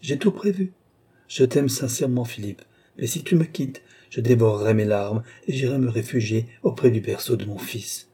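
A man's voice: mid-range voice, normal speed, mellow, slightly rough. A man reading aloud gives voice to a proud young noblewoman, pleading and then flaring into commands. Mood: resolute. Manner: pleading, rising to commanding outbursts. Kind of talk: audiobook character reading.

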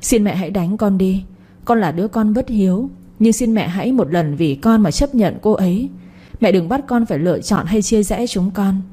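A woman's voice: medium pitch, normal speed, breathy edge, close to an everyday voice. A woman voicing a pleading devoted son. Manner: pleading, soft-spoken.

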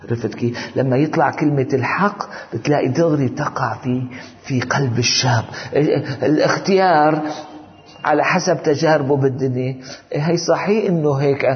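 A man's voice: mid-range voice, fairly quick. A man giving an informal religious lesson, talking conversationally and often checking that listeners follow. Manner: conversational, often asks "you see?". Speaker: religious teacher. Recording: dull audio with long hall reverb.

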